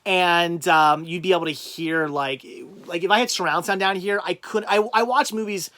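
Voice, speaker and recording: Male livestream host reading chat and answering in a casual, rambling way with many restarts; voice sits a little high. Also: normal speed, pushed and bright. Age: adult with a child.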